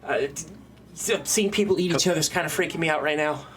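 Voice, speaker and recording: A man's voice: fairly high pitch, fast talker, fairly bright tone, pitched above the performer's own voice, close to an everyday voice. A man voicing a nervous male survivor in a zombie apocalypse who stammers and trips over his words. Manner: stammering, jittery. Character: nervous male survivor guarding an empty storeroom.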